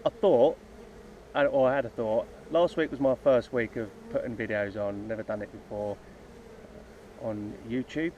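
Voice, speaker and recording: This casual, unscripted vlog features a hobbyist beekeeper outdoors near his beehives, meandering through an explanation of his plans with frequent ums and false starts. His mid-range voice moves at a normal speed. The recording is dull and lo-fi, carrying a little hiss or hum and the faint buzz of insects.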